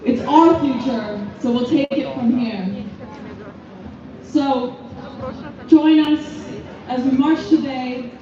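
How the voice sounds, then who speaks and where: A young woman giving an impassioned rally speech at an outdoor street protest, forceful and full of repeated phrases. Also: sits high, slow pace, long pauses, a crowd in the background. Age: young adult. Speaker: youth activist speaker. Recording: echoey, distant, muffled outdoor PA sound.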